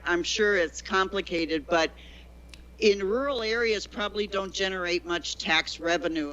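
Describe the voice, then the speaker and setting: Chatty woman, bright dull-sounding audio. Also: fairly low pitch. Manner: chatty, digressive storyteller with many restarts. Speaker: guest, former teacher in China. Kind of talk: conversational interview.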